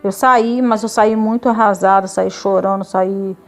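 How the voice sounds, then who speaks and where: A woman tells her faith testimony with emotion, acting out the other people in her story as she goes. Her pitch sits in a middle range. Soft music plays faintly behind her. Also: steady tone, normal speed. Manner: emotional storytelling, retelling dialogue with quoted voices. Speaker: church member giving testimony. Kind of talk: religious testimony.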